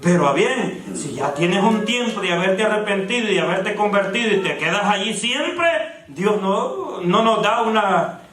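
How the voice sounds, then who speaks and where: Male preacher, very high and bright, sermon style, addresses the congregation directly, roomy far-off church sound. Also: animated, unhurried. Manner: keeps addressing the congregation as brothers, asks rhetorical questions. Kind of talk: evangelical sermon. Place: church sanctuary. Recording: echoey church, mic far off.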